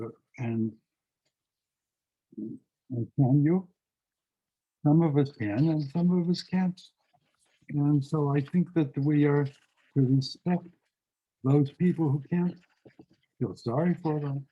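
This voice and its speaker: A man's voice: on the high side, dark tone, rough recording. A rabbi in conversational teaching mode, reflective and repeating his questions, speaking over a video call.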